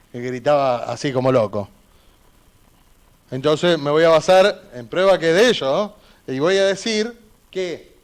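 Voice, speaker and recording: Emphatic defense lawyer, higher voice. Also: male voice. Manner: emphatic, argumentative, repeats points for emphasis. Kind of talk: courtroom closing argument.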